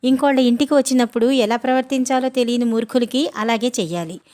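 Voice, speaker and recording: Woman doing a snappy stubborn teen girl, high and sharp, storybook. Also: fast talker, close to an everyday voice. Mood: defiant. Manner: sharp, defiant. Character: sharp-tongued teenage daughter, stubborn student.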